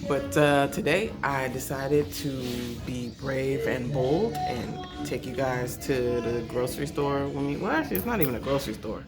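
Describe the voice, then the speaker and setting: A woman in her thirties with an American accent, chatting casually and slangily to her vlog viewers. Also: a bass voice. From Los Angeles, USA. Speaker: vlogger.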